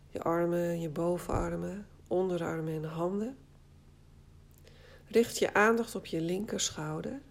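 A woman guiding a body scan relaxation exercise, speaking calmly and soothingly in short phrases with long pauses. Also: fairly low pitch, vocal fry. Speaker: guided meditation instructor.

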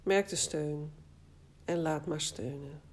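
A woman guiding a body scan relaxation exercise, speaking calmly and soothingly in short phrases with long pauses. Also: deep voice. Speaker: guided meditation instructor.

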